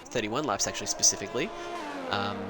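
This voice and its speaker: A man's voice: fairly low pitch, quick pace, over loud music. A young man giving loose, rambling live commentary on an online sim race, joking and swearing as he goes. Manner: casual, rambling, swears and laughs.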